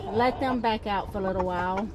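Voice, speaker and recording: A woman's voice: medium pitch, fairly quick, noisy background. A woman, chatting homey and direct to her viewers in a casual vlog. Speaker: homestead vlogger. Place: outdoors by a chicken coop.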